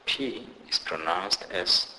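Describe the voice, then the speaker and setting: A man teaching pronunciation in a scripted lesson, deliberately saying each example word twice. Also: deep voice, bright, forceful tone, in a large hall, slight background noise, rough recording. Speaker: language teacher.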